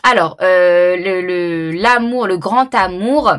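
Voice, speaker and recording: A woman's voice: fairly low pitch, steady tone, slow. Chatty woman reading tarot, hesitant. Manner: hesitant, many fillers and repeats; laughs at herself. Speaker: tarot reader. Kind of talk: casual tarot reading to camera.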